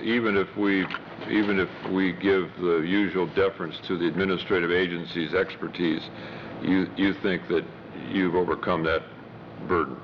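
A man speaking as a presiding judge from the bench, with halting, repetitive phrasing. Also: deep voice, level tone. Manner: halting, repeats words when questioning. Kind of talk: questioning from the bench. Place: courtroom. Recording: muffled courtroom recording with clear noise.

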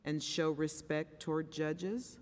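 A woman's voice: deep voice, fairly even intonation, slow. A woman justice administering a formal oath in short phrases for others to repeat. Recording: echoey hall, faint crowd.

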